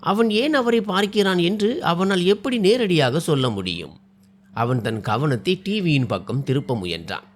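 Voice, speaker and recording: A man's voice: on the high side, animated, normal speed. A man narrating a short story in a dramatic, scripted storytelling style.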